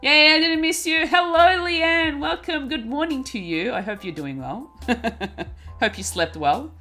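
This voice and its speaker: With faint lo-fi music in the background, this crafting streamer, a young woman, giggles and chats casually, often restarting what she's saying to her chat. Her high voice is animated and sharp-toned, delivered at a measured pace.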